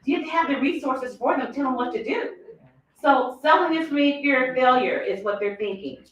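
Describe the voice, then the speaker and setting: Woman, team leader, animated motivational talk; fairly high voice, roomy and distant sound. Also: fairly quick. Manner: animated, acts out quoted thoughts, laughs often.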